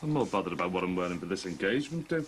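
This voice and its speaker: A man's voice: low voice, expressive, racing. A grumbling, hard-up husband in a 1980s soap, his voice rising and falling widely as he complains about money. Light hiss sits under it. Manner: grumbling, put-upon.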